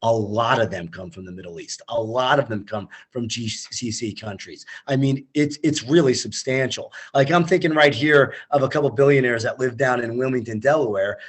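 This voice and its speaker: Husky-voiced emphatic male founder. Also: mid-range voice, a bit bright. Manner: emphatic, motivational, speaks in quick punchy lists. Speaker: startup founder, interview guest. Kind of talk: conversational interview.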